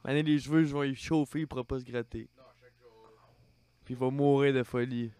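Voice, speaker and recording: A man's voice: mid-range voice, fairly even intonation, fairly quick, warm tone, smooth, no echo. A young man with a Quebec French accent in crude casual chat, laying out gruesome details in a matter-of-fact way.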